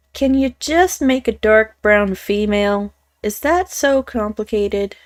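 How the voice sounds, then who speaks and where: A woman's voice: medium pitch, no echo, studio quality. A woman live streamer chatting casually while gaming, swearing freely and exasperated with the game.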